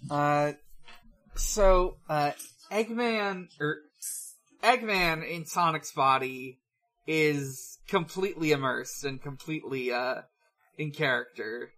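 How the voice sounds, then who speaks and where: A podcast co-host recapping episodes in casual chat, halting and restarting often. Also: mid-range voice, a bit bright.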